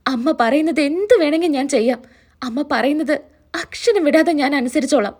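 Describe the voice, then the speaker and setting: Woman voicing a crying young girl begging dad to forgive her, high voice. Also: a little fast, a little mellow, close to an everyday voice. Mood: pleading. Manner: pleading, tearful.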